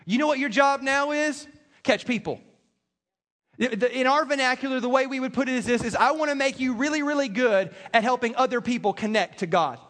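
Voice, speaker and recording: American man, high voice, animated and self-deprecating sermon delivery, long hall reverb. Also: fairly quick. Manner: animated, folksy, self-deprecating, repeats phrases for emphasis. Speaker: preacher. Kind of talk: conversational sermon to a congregation.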